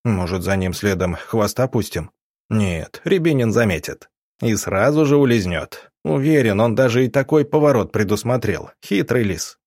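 A man voicing a calm, cunning doctor who speaks in measured, deceptively kind tones. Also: on the low side, dry recording, clean studio sound. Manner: calm, measured, turning cold.

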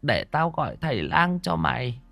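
A man's voice: big pitch swings, normal speed, vocal fry, pushed and bright, dry recording, soft background music, heavily acted. A man putting on a weeping old grandmother. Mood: sniffling. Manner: scolding, tearful, high-pitched. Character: old grieving village grandmother, sobbing. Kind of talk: audiobook character voice.

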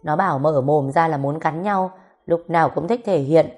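A woman's voice: deep voice, moderate pace, darkish tone, soft background music. Woman reading as a coarse scolding older woman. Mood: blunt. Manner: rough, scolding, swears freely. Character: coarse, blunt, foul-mouthed grown woman.

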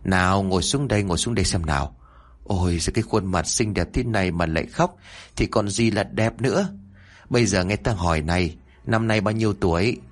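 A man's voice: low voice, brisk. Man doing a cruel old village chief, barking orders. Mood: wheedling. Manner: bossy, barking orders, then oily and coaxing.

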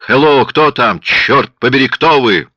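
A man voicing an alarmed man shouting questions down a phone, on dull lo-fi audio. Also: mid-range voice, expressive, unhurried, breathy edge, no room sound, pitched above the performer's own voice.

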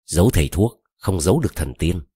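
A man's voice: sits low, lively intonation, brisk, dark tone, husky, dry recording. A man voicing a sly, cunning old female shaman who coaxes and probes, read close to a dry mic. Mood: probing. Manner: cunning, coaxing.

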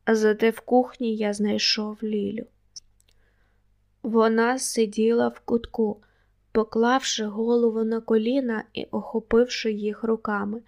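A woman narrates a first-person audiobook in a steady, level storytelling voice. Her tone sits a little high, with noticeable vocal fry at the ends of lines. Her intonation barely rises or falls. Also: a little slow, highs cut off.

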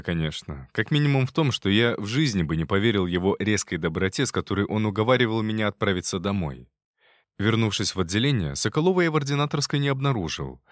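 A man narrating a first-person audiobook in a calm, wry manner. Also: on the low side, no echo, studio quality.

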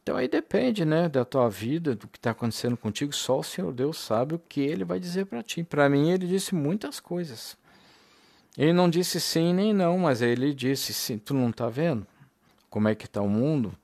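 A man's voice: a little high, lively intonation, moderate pace, creaky, a little mellow, dry recording. A male preacher giving a sermon in a conversational way, speaking directly to the congregation as brothers.

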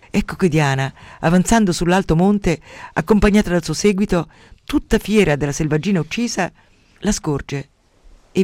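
A man tells an ancient myth on the radio in a dramatic way, stopping now and then for wry asides. His voice sits fairly high, and the studio sound is close and dry. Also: darkish tone, no echo. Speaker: radio storyteller. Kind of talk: retelling a myth with commentary. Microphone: studio mic.

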